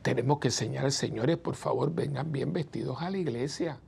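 Gravelly-voiced priest talking with his listeners. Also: medium pitch, moderate pace, darkish tone. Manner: chatty, asks the listeners rhetorical "¿no?" questions; acts out the people he quotes. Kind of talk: conversational preaching talk.

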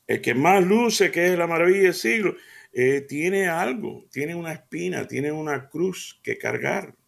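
Gravelly older man preaching on radio. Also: on the high side, lively intonation, unhurried. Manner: earnest, folksy, with frequent hesitant fillers. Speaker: radio devotional host. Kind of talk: conversational radio devotional.

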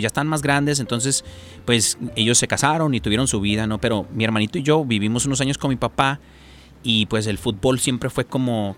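A man's voice: mid-range voice, a bit bright, a little hiss or hum. Mexican man telling his story. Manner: rambling storyteller, many fillers and restarts. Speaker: guest. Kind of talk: personal testimony on a talk show.

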